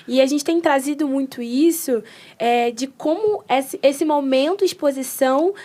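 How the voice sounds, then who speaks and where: A woman's voice: high-pitched, moderate pace, mellow. A woman who leads a small faith group, explaining things in a friendly, casual way. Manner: friendly, explanatory, short affirmations. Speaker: small-group leader and host.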